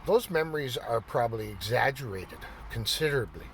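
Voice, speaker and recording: A man's voice: mid-range voice, animated, a little fast, fairly bright tone, a little hiss or hum. A middle-aged man telling stories in a casual chat, laughing often and swearing casually. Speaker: vlogger. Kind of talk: casual storytelling.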